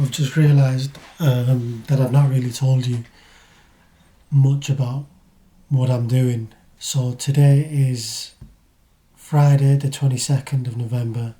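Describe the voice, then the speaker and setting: A British man giving a casual, matter-of-fact vlog update in a low-key way. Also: dark tone, husky. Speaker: vlogger. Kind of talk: casual vlog talk to camera.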